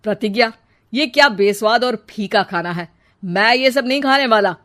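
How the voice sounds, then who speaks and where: A woman voicing an irritable young husband in a cartoon story, scolding loudly and finding fault. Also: on the high side, moderate pace, close to an everyday voice. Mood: exasperated.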